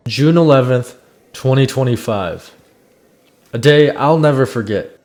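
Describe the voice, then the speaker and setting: A man's voice: medium pitch, unhurried, darkish tone, a little hiss or hum. A man reading a scripted first-person voice-over about his own expedition in a reflective storytelling way. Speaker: climber narrating own expedition.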